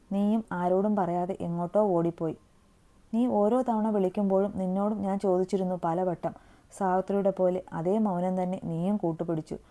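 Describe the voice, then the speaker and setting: Brief: woman voicing a loyal young man in an audio story, earnest and reproachful, very dark mellow tone. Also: fairly low pitch, close to an everyday voice. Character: young man, hurt but loyal brother figure.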